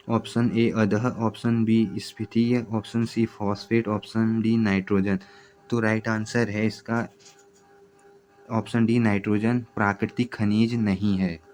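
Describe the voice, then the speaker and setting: Flat-voiced man reading exam answers. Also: fairly low pitch. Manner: steady, repetitive question-by-question reading. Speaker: exam prep teacher.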